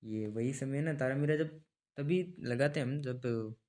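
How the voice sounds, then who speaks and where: A male teacher giving an online exam-prep class at a mid-range pitch. He talks casually and keeps asking students quick rhetorical questions. He repeats important names and dates so they stick. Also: darkish tone. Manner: chatty, asks students rhetorical questions, calls them brother.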